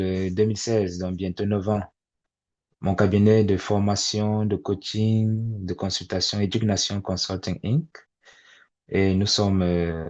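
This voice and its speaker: Low-voiced man hosting a webinar, halting. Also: darkish tone. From immigrant to Canada. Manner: hesitant, many fillers and repeated words. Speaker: webinar facilitator. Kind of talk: webinar talk to parents. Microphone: video call. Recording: dull lo-fi video call audio.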